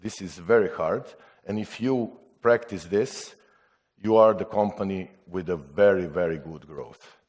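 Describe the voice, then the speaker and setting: A man from Serbia speaking non-native English at a conference, halting with restarts and putting rhetorical questions to the audience. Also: low-pitched, a little mellow. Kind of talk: conference talk.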